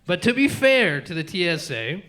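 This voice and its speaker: A man's voice: high voice, sing-song, normal speed, sharp tone. A man from the United States doing a live stand-up set in a comedy club, profane and talking straight to the crowd as folks.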